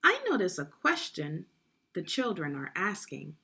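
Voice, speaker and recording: Her voice is lowish yet bright and forceful, with big pitch swings and an unhurried pace. She leads children through a guided reading, enunciating clearly, teaching, and questioning her young listeners.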